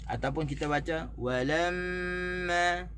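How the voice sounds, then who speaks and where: Man, Malaysian Malay accent, slightly high voice, recitation teacher, short phrases and slow recited examples, faint background noise. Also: a bit bright. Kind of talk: explaining Quran recitation in a class.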